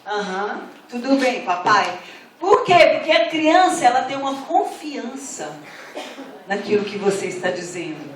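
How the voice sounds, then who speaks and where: A middle-aged woman pastor preaches a fervent sermon in a church hall, building to emphatic calls to the congregation. Her voice sits on the high side, very animated and a little slow. The recording is distant and echoey.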